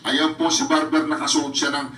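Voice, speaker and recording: A man's voice: on the high side, monotone, brisk, pushed and bright, roomy sound, distant mic, soft background music, low-quality recording. Taunting man laughing constantly. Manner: taunting, bursts into frequent laughter; addresses viewers directly. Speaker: reaction vlogger. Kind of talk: mocking reaction commentary.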